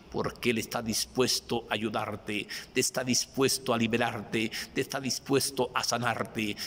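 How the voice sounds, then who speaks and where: A man delivering an impassioned sermon at a slow, deliberate pace. His voice is bright and forceful, with a long reverb trailing each phrase. Faint noise sits underneath. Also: mid-range voice. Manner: impassioned, repetitive calls to cry out to the Lord. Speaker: preacher.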